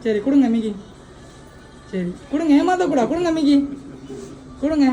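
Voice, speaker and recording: A woman's voice: sits high, animated, moderate pace, warm tone, faint music behind, low-quality recording. A woman hosting a birthday surprise delivery, coaxing a child with repeated questions.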